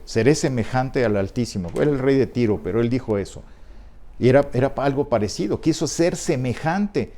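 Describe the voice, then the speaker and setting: A man's voice: mid-range voice, mellow. A middle-aged pastor with a Mexican Spanish accent, preaching a sermon and explaining his point with repeated key words.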